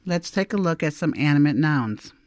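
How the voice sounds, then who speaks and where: A woman teaching a recorded language lesson, saying each word slowly and repeating it for learners to copy. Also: sits low, lively intonation, darkish tone, no room sound, clean studio sound.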